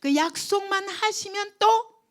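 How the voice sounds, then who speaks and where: A woman's voice: very high-pitched, slow. A woman pastor delivering a sermon, telling the story expressively, asking the congregation rhetorical questions and sometimes dropping to a whisper for emphasis. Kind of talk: sermon at a church retreat.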